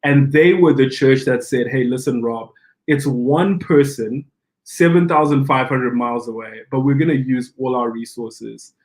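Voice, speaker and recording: A young adult pastor from Zimbabwe tells his story in a casual podcast chat. His medium-pitched voice moves at a moderate pace, animated, often restarting sentences and acting out the dialogue he quotes.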